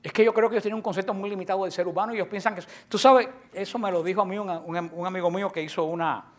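Male preacher, high pitch; emphatic, sarcastic, rhetorical questions to the congregation. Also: steady tone, very fast. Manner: emphatic, mocking, asks the audience questions. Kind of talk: sermon.

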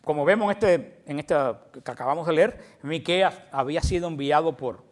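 A man's voice: fairly high pitch, moderate pace. Man preaching, conversational and questioning. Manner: conversational, asks the congregation questions. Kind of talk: sermon.

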